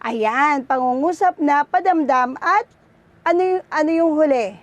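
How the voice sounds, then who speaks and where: A woman's voice: high voice, a little slow, no room sound. A woman teacher with a Filipino accent, giving a lesson and checking in with her pupils with frequent "no?" and "okay?". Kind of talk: online class lesson.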